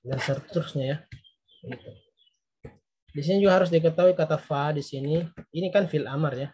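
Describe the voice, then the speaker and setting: A man's voice: on the high side, a little fast, a little mellow, husky. A man giving a recorded Arabic grammar lesson, explaining patiently and translating each word. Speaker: Arabic teacher.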